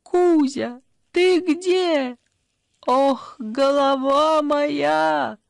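Narrator plays a screeching young mother, high, loud and sharp, dry close read. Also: drawn-out words, gravelly, no room sound, full character voice. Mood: shrieking. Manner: shrill, screaming. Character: furious shrieking young mother, Tatyana. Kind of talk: audiobook character voice.

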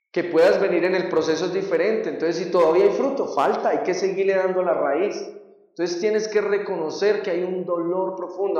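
A man from teaching a church seminar lesson, emphatic and animated, acting out examples as he preaches. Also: high-pitched, muffled recording. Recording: echoey hall, voice far from the mic.

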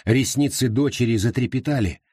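A man narrating an audiobook with a dramatic, expressive reading. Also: mid-range voice, brisk, slightly rough, no room sound, clean studio sound. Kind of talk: scripted narration.

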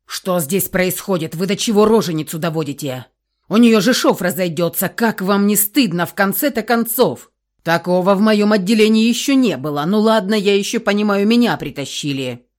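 A woman voicing an outraged male doctor who loudly scolds visitors in a hospital ward, in an audiobook reading. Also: mid-range voice, normal speed, lightly acted. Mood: indignant. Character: stern indignant male doctor, head of ward.

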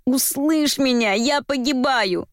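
A woman reading a story aloud voices a sharp-tongued heroine trapped in a bath, speaking urgently and with exasperation. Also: high-pitched, animated, normal speed, no echo, studio quality, voice pushed up. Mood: desperate.

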